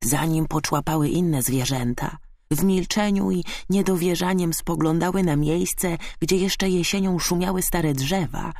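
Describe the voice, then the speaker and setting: A man narrating a children's animal story in an expressive, lively way. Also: a little high, measured pace, dry recording, studio quality.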